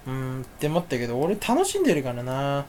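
Alone on his talk channel, a man rambles and pokes fun at himself, erratically shifting from shouting to muttering. His pitch swings enormously, his pace is fairly quick, and there's a little hiss or hum in the background.

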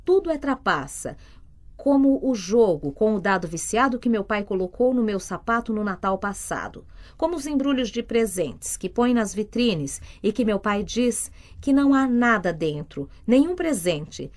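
A woman voicing a defiant young boy who speaks high and insistent, rising to shouts, in a read-aloud audiobook. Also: animated, normal speed, lightly acted. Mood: pleading, accusing.

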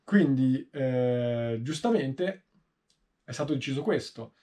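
A motorsport video host, a man in his thirties, sits in a sim racing seat in a small indoor room and talks through race analysis informally. His mid-pitched voice is animated with a dark tone, and he explains things in a measured way, often pausing mid-sentence.

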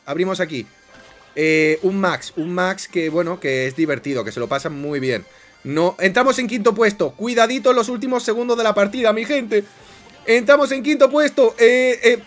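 A young man from Spain with a Spanish accent, giving excitable live gameplay commentary. He loves diminutives and often bursts into shouts. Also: mid-range voice. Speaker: gaming youtuber.

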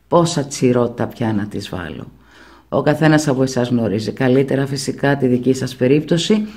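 A man giving a spiritual card reading for the zodiac signs, speaking gently and affectionately. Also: mid-range voice. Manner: gentle, affectionate, uses diminutives.

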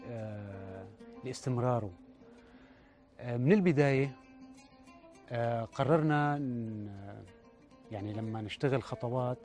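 A man with a Syrian Arabic accent, a playwright and theatre director, talking reflectively in an interview with many hesitant pauses. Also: mid-range voice, a little mellow.

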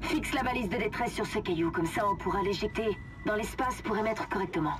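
An actress voicing a calm female mission controller in a video game, giving brisk, businesslike orders over the comms. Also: mid-range voice, a loud crowd, lightly acted. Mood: instructing. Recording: game audio under loud music.

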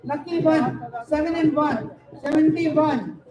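Bingo caller: Indian man, very high voice, announcing numbers digit by digit over an echoey event PA. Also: slow, crowd noise. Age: middle-aged. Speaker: bingo caller at a Diwali party. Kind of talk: bingo calling over a microphone, drawn-out numbers and rhyming nicknames. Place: outdoor evening party in front of a stage. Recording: echoey event PA with loud music behind.

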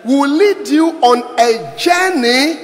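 High-pitched middle-aged male pastor, emphatic sermon, handheld mic in a large church hall with long reverb. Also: lively intonation, very slow. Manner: emphatic, repeats lines for the interpreter. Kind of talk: sermon with interpreter.

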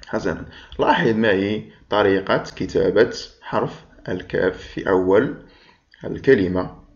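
Slow, patient male reading teacher. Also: lowish voice. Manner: patient, drawn-out, repeats sounds for pupils to echo. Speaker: primary school teacher. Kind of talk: slow syllable-by-syllable reading lesson. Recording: dull lo-fi recording.

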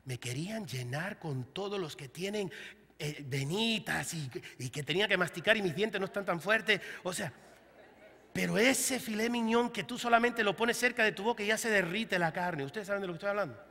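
A man preaches in a church hall, his tone very bright and ringing, with a long reverb trailing each phrase. He tells funny stories and slips into the voices of the people he quotes. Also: sits high, normal speed. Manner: humorous storytelling, acts out quoted voices. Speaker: pastor. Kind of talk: sermon.

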